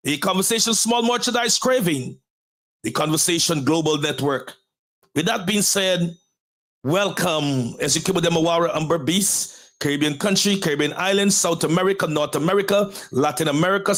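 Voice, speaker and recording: Declamatory Guyanese pastor, higher voice. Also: male voice, a bit bright. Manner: declamatory, swings between quick lists and slow emphatic phrases. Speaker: pastor and host. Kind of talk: motivational sermon.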